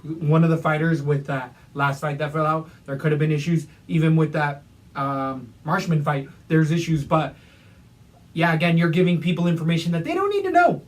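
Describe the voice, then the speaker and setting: High-voiced man co-host, distant mic. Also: normal speed. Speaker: podcast co-host. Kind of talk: casual chat.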